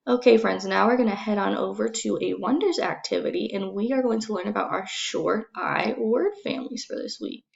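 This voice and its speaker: A woman's voice: medium pitch, gravelly, highs cut off. A woman teaching phonics to young children as an encouraging kindergarten teacher, using simple repeated phrases and sounding things out distinctly. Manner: sounds out letters and words slowly and distinctly.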